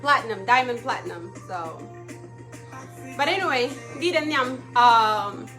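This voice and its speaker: A woman's voice: fairly high pitch, animated, measured pace, music in the background. Chatty woman livestream host. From Ethiopia. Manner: chatty, often checks in with "okay?". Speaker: livestream talk show host. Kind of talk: casual live stream talk.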